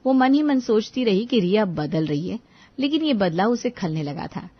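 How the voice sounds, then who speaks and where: A woman storyteller narrating a scripted story in an expressive, dramatic way. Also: mid-range voice, normal speed, muffled recording.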